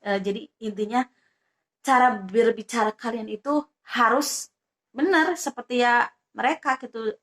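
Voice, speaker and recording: A woman's voice: a little high, measured pace, long pauses, fairly bright tone. A woman vlogger giving casual tips to her viewers, talking chattily with many hesitant fillers and restarts. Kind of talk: casual tutorial talk to camera.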